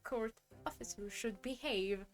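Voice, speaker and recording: A woman with a French accent voicing a confident young male defense lawyer, reading his lines in a measured way. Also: a little high. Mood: firm.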